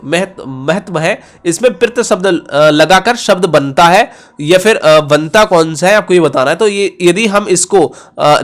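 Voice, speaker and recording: A young man teaching an exam-prep lesson, counting syllables aloud and thinking out loud as he second-guesses his own answers. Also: sits high.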